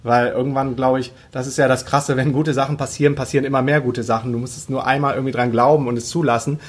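A man hosting an interview, asking questions in a loose, excited way and mixing in English buzzwords. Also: mid-range voice, fast talker. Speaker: podcast host. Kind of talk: casual interview chat.

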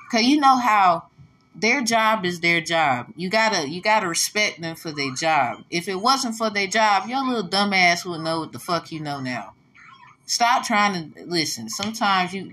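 Blunt, profane woman vlogger, bright voice. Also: fairly low pitch. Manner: blunt, profane, preachy and rambling. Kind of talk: casual rambling monologue.

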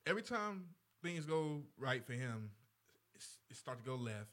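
A man leads a casual podcast chat, his pitch swinging up and down as he talks. He jokes around and keeps the conversation moving. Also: very animated, normal speed, a bit bright. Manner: playful, joking. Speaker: podcast host.

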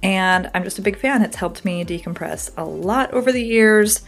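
A woman's voice: medium pitch, moderate pace, gravelly, faint music behind. A woman hosting a podcast, reading ads and chatting casually with a guest in an upbeat way. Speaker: podcast host. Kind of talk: casual podcast chat and ad reads. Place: home in Brooklyn.

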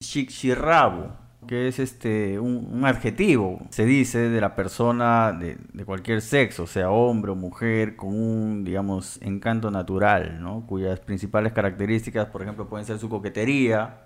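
Measured man. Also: fairly low pitch. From Peruvian Amazon. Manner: explanatory, measured, hedging with "¿no?". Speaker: podcast co-host. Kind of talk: casual podcast chat.

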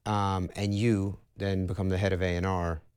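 A man hosting an interview, asking relaxed questions with plenty of fillers. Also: low voice, moderate pace, smooth, no room sound. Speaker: interview host.

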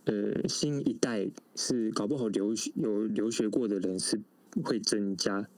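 A man's voice: on the low side, fairly even intonation, unhurried, darkish tone, low-quality recording. A native Japanese man speaking with a Japanese accent, answering interview questions conversationally and searching for words. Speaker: interview guest.

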